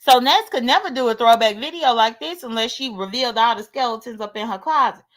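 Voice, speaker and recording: A livestream host in her late thirties with an American accent speaks a little fast in a slightly high, bright voice. She chats casually while airing grievances, blunt, sassy, and swearing freely.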